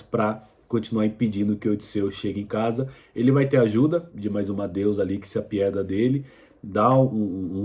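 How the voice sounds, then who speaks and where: A man hosting a history video, casually retelling an ancient story with loose, colloquial phrasing and frequent hesitations. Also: fairly low pitch. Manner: relaxed retelling with frequent fillers and restarts; colloquial, addresses viewer directly. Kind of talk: casual educational explainer.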